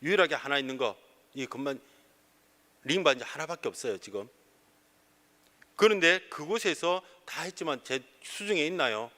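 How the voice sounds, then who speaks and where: In a church sanctuary, a middle-aged pastor preaches with a bright, forceful, slightly high voice, his intonation lively and varied. He speaks at normal speed with long pauses, firing off rhetorical questions he then answers, all wrapped in the room's long reverb.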